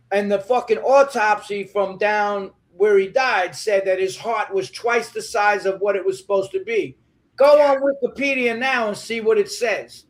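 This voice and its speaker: Guy with a high voice going off angry in an interview, cursing nonstop. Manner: angry, profane, rapid ranting. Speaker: interview guest. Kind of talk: heated interview talk.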